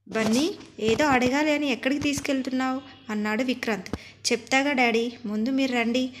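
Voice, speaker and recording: A woman's voice: fairly high pitch, slight background noise. A woman narrating a family story and voicing its characters herself. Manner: reads all characters in a lightly shifted voice. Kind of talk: scripted narration of a family drama.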